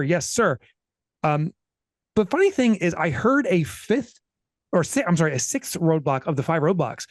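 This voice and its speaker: A man co-hosting a business podcast talks in a casual, upbeat way, his voice sitting a bit high for a man. The sound is dry and close, with little room echo. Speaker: podcast co-host. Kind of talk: casual chat.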